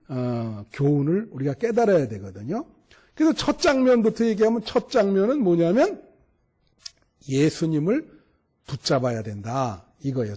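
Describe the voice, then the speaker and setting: Lively, high-pitched male pastor preaching. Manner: animated storytelling, acting out the scene; asks the congregation for responses. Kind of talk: sermon.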